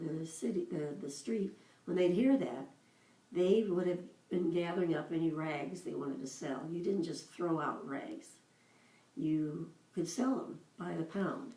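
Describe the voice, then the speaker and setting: A woman in her seventies recalling her childhood for her child, telling it slowly with pauses. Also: low-pitched, dark tone. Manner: unhurried storytelling with pauses. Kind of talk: casual reminiscing. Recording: roomy echo, voice from a distance.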